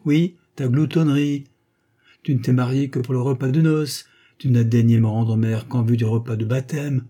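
A man voicing a sharp-tongued, impatient bourgeois wife who scolds loudly in a raised, husky voice. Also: mid-range voice, fairly even intonation, normal speed, close to an everyday voice. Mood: scolding. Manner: loud, scornful and exclaiming.

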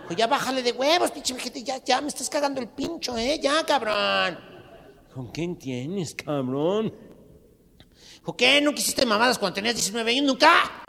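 A shrill, cursing punk kid. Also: male voice, animated, normal speed, creaky, pushed and bright, big-room sound, heavily acted. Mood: taunting. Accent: Mexican. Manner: shrill, cursing, picking a fight. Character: foul-mouthed young punk man with green hair, belligerent.

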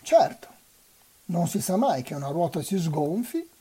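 Lively teasing teen girl in a read-aloud novel, reader puts her on, dark husky tone. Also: medium pitch, measured pace.

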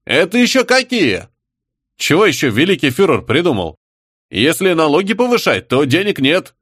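A man's voice: on the high side, wildly swooping pitch, moderate pace, a bit bright, husky, dry recording, studio quality, pitched above the performer's own voice, exaggerated voice. A man putting on a jeering savage mob. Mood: rowdy. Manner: jeering, crude, bickering. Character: rowdy crude crowd of male savages.

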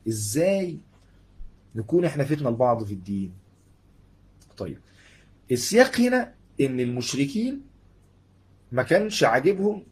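An Egyptian Islamic lecturer delivers a religious talk in colloquial Egyptian Arabic, speaking rapidly in a husky, mid-range voice. He is conversational and animated, acting out little dialogues as he goes.

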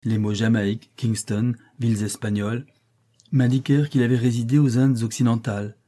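A man narrating a classic novel as an audiobook, in a measured, steady way. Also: mid-range voice. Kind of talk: scripted narration.

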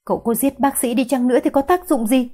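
Chị đọc anh bạn khuyên can nhẹ nhàng, giọng ấm hơi cao. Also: female voice, sits high, fast, dark tone. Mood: urging. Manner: soothing, persuasive. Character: calm male friend urging restraint.

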